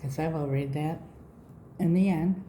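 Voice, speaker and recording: A woman's voice: low voice, a little slow, mellow, slight background noise. A woman with a lisp, speaking as a tarot reader giving a reading to her viewers. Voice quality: lisping after mouth surgery. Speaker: tarot reader, channel host.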